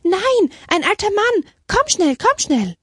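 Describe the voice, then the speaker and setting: A woman voicing an excited young nun in a storybook reading, urgent and repeating herself. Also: extremely high pitch, takes it slowly, no echo, studio quality, voice pushed up, heavily acted.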